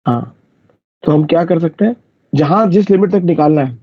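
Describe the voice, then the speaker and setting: Gravelly and husky yet a little high, this male teacher's expressive voice moves at a moderate pace through a live online math class. He explains each step and keeps checking that students follow, captured on a dull, dry lo-fi recording.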